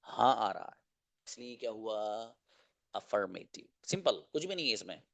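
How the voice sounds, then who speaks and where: A man's voice: lowish voice, big pitch swings, creaky, a bit bright, dry recording. A man teaching a grammar lesson to a class, explaining step by step and asking questions he then answers himself. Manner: explains slowly, asks and answers own questions. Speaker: English teacher.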